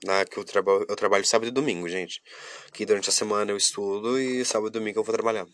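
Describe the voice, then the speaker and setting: A young man talking casually and openly to his viewers. He shifts between loud, lively bursts and quiet, subdued stretches. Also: on the low side, quick pace, no room sound. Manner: chatty, talks straight to viewers, often breaks off and restarts. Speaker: vlogger. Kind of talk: casual confessional monologue.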